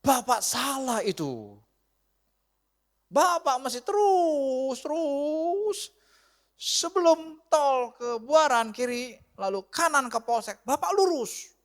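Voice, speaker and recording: A male preacher voicing a hurried local man who gives insistent driving directions in a raised, high voice. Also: very animated, full character voice.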